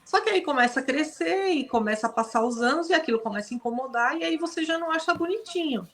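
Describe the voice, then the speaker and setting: Brazilian woman on a live stream explaining dog stuff, slightly high voice, chatty. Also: animated, fast. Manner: explanatory, uses many tag questions. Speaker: guest, dog breeder. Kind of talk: casual advice in a live interview.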